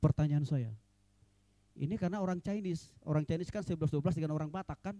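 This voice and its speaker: A man preaching a sermon in church as pastor, animated and mixing in joking asides. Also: on the high side, fast talker, no echo.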